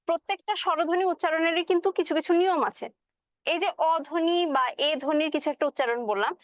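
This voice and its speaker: A woman teacher with a high voice explains a lesson step by step and keeps checking that her students follow. She mixes English words into her speech. The recording is dry and close, with no room echo. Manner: spoken with English words mixed in. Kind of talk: classroom lecture.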